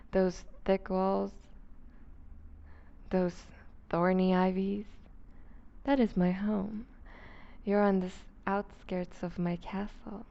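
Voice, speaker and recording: In this ASMR roleplay, a woman with a mid-range voice becomes a predatory, alluring vampire duchess. Her breathy delivery slips toward whispering as she teases and talks down with polished, formal, carefully chosen words, and the audio lacks its upper frequencies.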